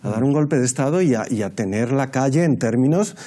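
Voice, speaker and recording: Panelist man, low mellow tone, deliberate lecturing debate analysis with pauses. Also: lively intonation. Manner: measured, lecturing, many hesitations. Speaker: political panelist.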